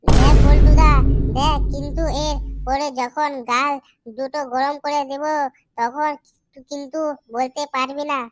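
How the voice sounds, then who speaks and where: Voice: high voice, flat delivery, unhurried, a little hiss or hum. A performer voicing a stubborn, lovestruck young man in a comedy cartoon, brash and threatening. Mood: defiant.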